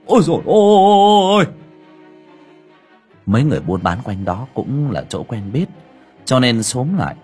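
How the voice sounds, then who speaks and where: A man narrating an audiobook in a dramatic, expressive way. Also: on the low side, moderate pace, soft background music. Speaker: storyteller.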